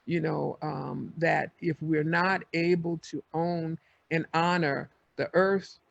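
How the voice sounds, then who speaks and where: An older woman speaking on a panel, reflective and measured as she tells her own story. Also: low-pitched, fairly even intonation, gravelly, no room sound. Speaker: panelist, community advocate. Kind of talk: panel discussion. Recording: dull lo-fi audio.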